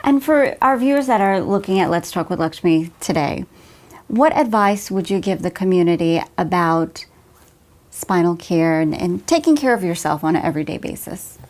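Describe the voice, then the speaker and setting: A woman's voice: fairly low pitch, lively intonation, moderate pace, a little mellow. A woman hosting a TV interview show, asking questions and heaping praise on her guest. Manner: effusive, complimentary. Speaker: TV show host.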